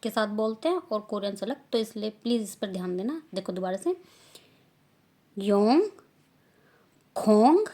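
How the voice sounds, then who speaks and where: A woman from India with an Indian accent, teaching a beginner language lesson, saying each word slowly and loudly and repeating it. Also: medium pitch, lively intonation.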